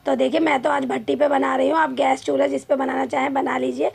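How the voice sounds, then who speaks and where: A woman's voice: high-pitched, flat delivery, fast talker, creaky, darkish tone. A woman hosting a cooking channel, giving a home cooking demonstration and explaining each step over and over while she kneads the dough. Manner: repetitive, instructive, talks while kneading dough. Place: home kitchen with a clay stove.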